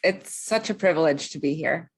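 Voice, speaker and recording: A woman's voice: deep voice, moderate pace, husky. Earnest Honduran-born woman giving a speech. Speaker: supervising immigration attorney. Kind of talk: prepared speech at an event.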